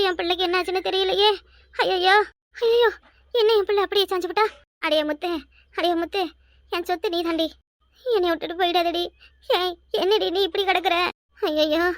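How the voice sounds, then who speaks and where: A woman voicing an elderly village mother in a cartoon, with a Kanyakumari Tamil accent and a loud, wailing, lamenting manner. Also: extremely high pitch, fairly even intonation, a little fast, pauses often, dry recording, studio quality. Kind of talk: cartoon voice acting.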